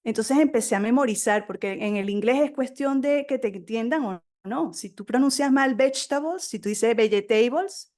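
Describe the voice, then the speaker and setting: A middle-aged woman, a native Spanish speaker, being interviewed as an author on a podcast, telling stories in a talkative, animated way. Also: fairly high pitch, normal speed, few pauses. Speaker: guest author.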